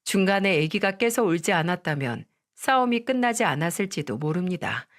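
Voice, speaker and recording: A woman's voice: fairly low pitch, brisk. Woman narrating a scripted story. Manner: steady, aggrieved storytelling.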